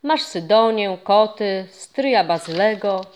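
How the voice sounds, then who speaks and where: A woman's voice: mid-range voice, expressive, slow, slight background noise. A woman voicing a friendly old castle ghost. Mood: mysterious. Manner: mysterious, proud, warm storytelling.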